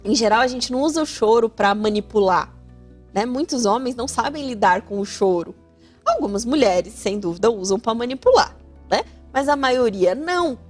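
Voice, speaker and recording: A woman's voice: on the high side, lively intonation, normal speed, faint music behind. A woman with a Brazilian Portuguese accent hosting an advice talk show, speaking animatedly and acting out the voices she quotes. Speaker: radio host giving family advice.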